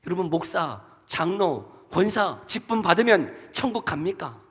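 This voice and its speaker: A man's voice: sits high, big pitch swings, unhurried, slightly rough. A male pastor preaching a sermon to his congregation, rising to emphatic peaks, asking questions and leading the church in reading together. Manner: rises to emphatic preaching peaks, then drops to soft asides; asks the congregation questions and leads unison reading. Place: church sanctuary. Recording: long church reverb.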